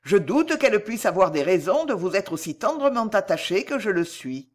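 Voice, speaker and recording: A woman reading an audiobook and voicing a gracious, tender older noblewoman in a formal, measured, affectionate manner. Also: mid-range voice, sing-song.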